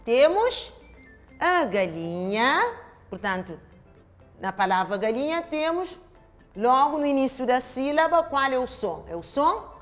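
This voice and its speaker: Woman teacher with a European Portuguese accent, lively sing-song pitch, spells out syllables slowly for young kids. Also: soft background music. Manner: slow, drawn-out syllables with exaggerated emphasis for young children. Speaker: primary school teacher. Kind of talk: televised home-learning lesson.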